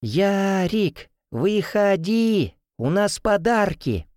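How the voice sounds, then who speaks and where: A man's voice: fairly low pitch, very animated, a little fast, no room sound, clean studio sound. A man voicing a playful young woman who teases her boyfriend. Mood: shouting. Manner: playful, teasing. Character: teasing lively young woman, his girlfriend.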